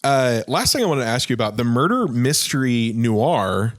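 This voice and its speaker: A man's voice: medium pitch, very animated, normal speed, dry recording, clean studio sound. A young man co-hosting a film podcast, easygoing and chatty with many fillers. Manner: easygoing, filler-heavy, laughs often. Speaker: podcast co-host. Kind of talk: casual film discussion.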